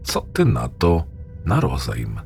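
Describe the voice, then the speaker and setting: A man voicing a gloating, crude male AI demon in a horror story reading, with a rough, mocking voice. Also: takes it slowly, soft background music, heavily acted. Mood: menacing. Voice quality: rough, ugly, abusive voice. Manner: taunting, lewd, lively pitch swings.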